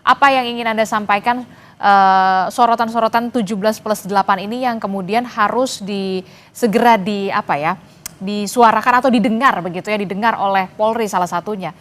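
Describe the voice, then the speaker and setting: A woman's voice: medium pitch, a little fast, fairly bright tone. A woman hosting a TV talk show, asking questions with some hesitation and fillers. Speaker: TV news host. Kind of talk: live TV talk show interviewing.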